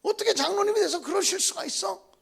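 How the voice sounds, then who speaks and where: A woman's voice: very high voice, fast, creaky, a bit bright, pitched above the performer's own voice, heavily acted. A male pastor voicing his wife as a middle-aged woman, indignant on his behalf, in a sermon story.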